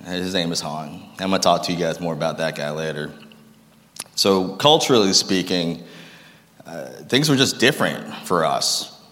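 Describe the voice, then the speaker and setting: A man's voice: low voice, pushed and bright. A man in his thirties from Massachusetts, telling his life story to an audience in a casual, self-deprecating way and joking with the crowd. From Massachusetts, United States. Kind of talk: personal testimony talk to an audience. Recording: long reverb of a large room.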